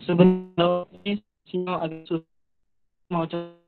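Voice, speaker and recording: A man's voice: sits high, completely flat delivery, moderate pace, phone-quality sound, music in the background. A man presenting in an online group discussion, his video call audio choppy and breaking up as he briefly checks the connection.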